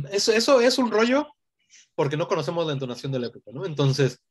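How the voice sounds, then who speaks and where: Man, online teacher, higher pitch, explains step by step, video call sound. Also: animated, fairly quick, breathy edge. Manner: explanatory, often ends with a questioning "¿no?". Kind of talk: online language lesson.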